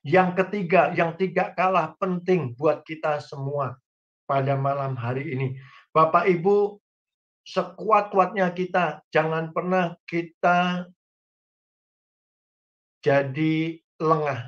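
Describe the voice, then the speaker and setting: Male pastor delivering a sermon, slightly high voice, folksy asides, recorded on muffled lo-fi audio. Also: slow pace, long pauses, fairly bright tone. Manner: addresses congregation directly, folksy humorous examples. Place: church online service.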